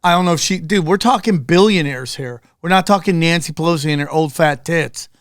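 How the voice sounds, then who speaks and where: A man's voice: on the high side, fairly quick, fairly bright tone, dry recording, clean studio sound. A man co-hosting a podcast, trading crude jokes in casual banter and laughing often. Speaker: podcast co-host.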